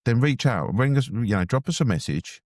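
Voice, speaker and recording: A man's voice: medium pitch, lively intonation, fairly quick, a little mellow, no room sound, clean studio sound. A man co-hosting a podcast in casual chat, telling stories in a chatty way and acting out his phone calls. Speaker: podcast co-host.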